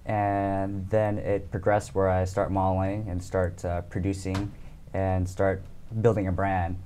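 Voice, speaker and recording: Slight background noise sits under the low voice of a man in his thirties from the United States. He talks at a measured pace as a casual interview guest, at ease, dropping lots of ums and laughing readily.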